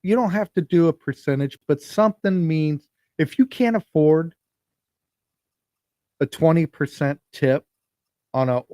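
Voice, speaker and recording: A man's voice: a little high, lively intonation, a little slow, long pauses, mellow, no room sound, clean studio sound. A man hosting a podcast livestream, chatting casually and rambling, often repeating and restarting his sentences. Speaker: podcast host. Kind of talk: casual solo livestream talk. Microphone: phone.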